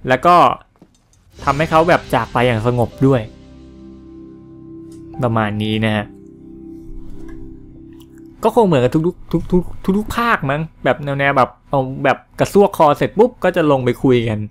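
A man's voice: medium pitch, animated, measured pace, long pauses, faint music behind. A man casually narrating his gameplay, chatty and loose, dropping coarse slang and mild swears. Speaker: gameplay commentator. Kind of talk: casual let's-play commentary.

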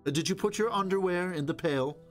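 A man voicing a brisk, bossy young wife who scolds her husband. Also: high-pitched, soft background music, voice pushed up, natural voice. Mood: scolding. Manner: sharp, scolding, exasperated.

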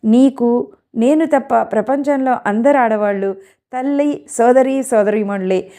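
A woman's voice: fairly high pitch, a little slow, mellow, lightly acted. A woman reading the part of a young woman who earnestly speaks about the father who left her. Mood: teasing.

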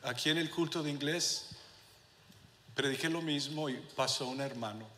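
A male pastor preaching a sermon, moving between quiet asides and shouted passages, with English phrases dropped in. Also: on the high side, normal speed. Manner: swings from soft to shouted preaching, with asides to the congregation. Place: church sanctuary. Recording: reverberant church hall with faint room noise.

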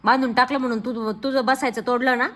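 A woman vlogger at home, scolding and asking the same sharp question again and again. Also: fairly high pitch, fairly even intonation, fairly quick. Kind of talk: casual home video.

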